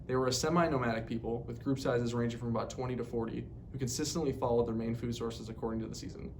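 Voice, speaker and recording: Speaking fast in a steady tone, this man formally reads scripted educational narration. The recording comes from a poor mic and carries an obvious rumbling noise underneath.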